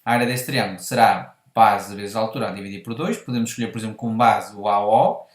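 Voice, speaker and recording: A man's voice: lowish voice, quick pace, reverberant. A man with a European Portuguese accent explaining a math exercise step by step, methodically, and correcting himself as he goes. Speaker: math teacher. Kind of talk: whiteboard math lesson.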